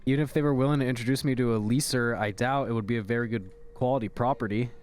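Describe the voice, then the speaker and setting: A man's voice: medium pitch, fast, a little mellow, soft background music, natural voice. A man voicing a polite, earnest android asking to stay as a roommate, reading a game script in fan voice acting. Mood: pleading. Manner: formal, pleading.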